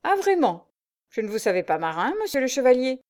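A woman's voice: on the high side, expressive, moderate pace, darkish tone, natural voice. A woman voicing a hot-tempered, proud male naval commander who speaks curtly and sarcastically in a read-aloud story. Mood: haughty. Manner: curt, sarcastic, imperious.

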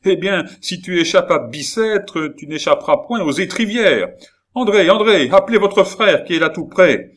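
A man reading an audiobook, voicing a furious, domineering old baron who shouts and blusters at those beneath him. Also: lowish voice, huge pitch swings, slow pace, hardly any pauses, slightly rough, heavily acted. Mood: enraged. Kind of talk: audiobook character voice.

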